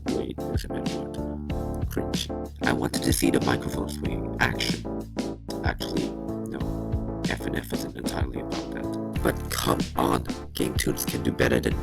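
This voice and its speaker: A man speaks through a voice changer, so his disguised voice comes out extremely deep, monotone and gravelly. He delivers blunt, deadpan commentary, with music playing behind him. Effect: voice changer making a very deep disguised voice. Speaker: YouTube commentator. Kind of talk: opinionated commentary narration. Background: background music.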